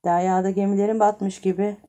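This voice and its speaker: A woman's voice: medium pitch, level tone, brisk, dark tone, lightly acted. A woman voicing a blunt, teasing old male wine seller who gives wry advice in an audiobook story. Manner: wry, advising.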